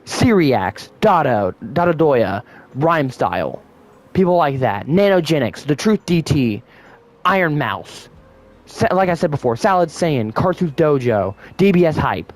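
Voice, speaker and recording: A man's voice: a little high, sing-song, a little slow. A man giving casual online commentary, rambling with frequent self-corrections. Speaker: YouTube commentator.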